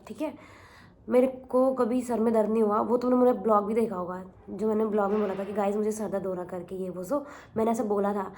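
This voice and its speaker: Young woman vlogger, mellow low-brightness voice, chatty storyteller who rambles and repeats. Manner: rambling, repeats herself, mixes in English words. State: recovering from illness. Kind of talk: casual storytelling vlog.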